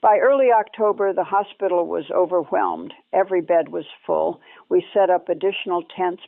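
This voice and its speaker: A woman telling her memories of nursing in a somber, measured way, heard through an old lo-fi recording. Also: on the low side, creaky, dry recording. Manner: somber, measured storytelling in short clauses. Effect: old lo-fi recording, tinny like archival radio. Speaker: former war nurse recounting memories. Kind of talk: first-person spoken memoir. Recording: tinny, dry old radio-style recording.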